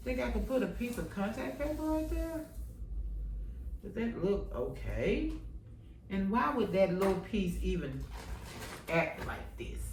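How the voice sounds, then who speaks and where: A woman's voice: medium pitch, sing-song, unhurried, long pauses, a little mellow, slight background noise. A woman chatting to herself and her viewers as she works on a craft project, using Southern US slang. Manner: chatty, talks to herself and the viewers while working. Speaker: crafting vlogger. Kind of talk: casual crafting tutorial. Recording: roomy, from a distance, faint ambience.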